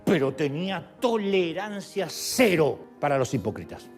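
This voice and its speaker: A middle-aged man preaching a sermon in an animated, humorous way, with sudden jumps in pitch. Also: a little slow. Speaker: pastor. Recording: reverberant hall with faint music.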